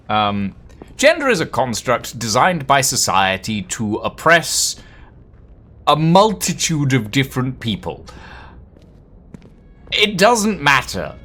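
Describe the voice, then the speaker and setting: Streaming a text adventure game, a man with a medium-pitched voice reads the game's text aloud slowly and dramatically, dropping in playful, animated asides.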